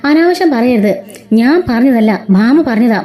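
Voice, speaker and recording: A woman's voice: a little high, expressive, moderate pace, warm tone, close to an everyday voice. A woman voicing an indignant young husband who defends his wife against his mother in a retold serial story, in her own voice. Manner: indignant, scolding.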